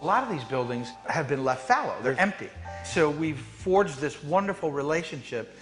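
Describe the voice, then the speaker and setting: A man who leads a youth program, speaking in a measured, committed way in a documentary interview. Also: a little high, animated. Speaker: program leader. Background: soft music.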